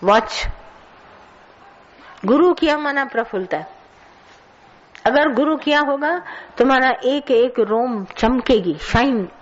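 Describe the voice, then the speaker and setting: A woman's voice: high voice, expressive, takes it slowly, long pauses, lo-fi sound. A woman giving a colloquial spiritual sermon, scolding and telling stories to her listeners. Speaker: spiritual teacher. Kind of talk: satsang sermon.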